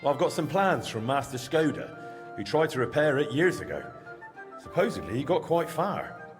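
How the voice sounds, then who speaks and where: A man's voice: on the high side, big pitch swings, moderate pace, soft background music. An actor playing an earnest, polite young male hero in a medieval video game.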